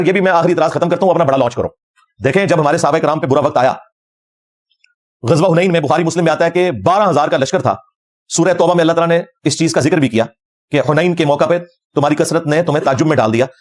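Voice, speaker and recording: A middle-aged man giving a combative religious lecture as a scholar, fervent and quoting Arabic verses. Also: a little high.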